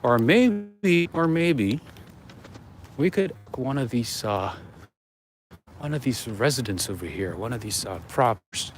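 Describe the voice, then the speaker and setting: Walking outdoors along a city waterfront, a live streamer rambles casually to his audience in a lowish, fairly bright voice. Traffic and urban ambience can be heard.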